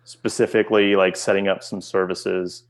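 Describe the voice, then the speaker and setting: Man, low voice, relaxed expert guest explaining in casual chat. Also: moderate pace.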